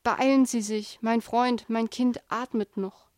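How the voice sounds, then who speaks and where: A woman's voice: on the high side, steady tone, a little slow, a little mellow, no room sound, close to an everyday voice. Woman reading a desperate grieving man, urgent and pleading, dry close sound. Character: desperate grieving man holding a dying child.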